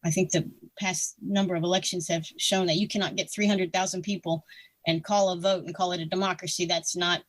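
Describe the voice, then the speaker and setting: A woman's voice: fairly low pitch, fairly even intonation, fairly quick, no echo. A woman of sixty, a podcast guest, giving frank, opinionated views in casual talk full of restarts and fillers. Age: 60s.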